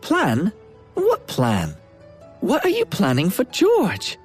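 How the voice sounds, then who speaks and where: Man voicing a nervous, puzzled young woman; earnest, questioning, with lively rising pitch. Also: slow pace, slightly rough, soft background music, full character voice. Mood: anxious. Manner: anxious, questioning.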